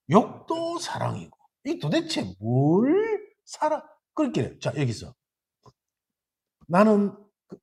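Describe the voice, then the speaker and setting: A man with a Gyeongsang accent giving a Buddhist sermon in a dharma hall, lively and quizzing his listeners with rhetorical questions. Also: high-pitched, gravelly, husky. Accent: Gyeongsang Korean.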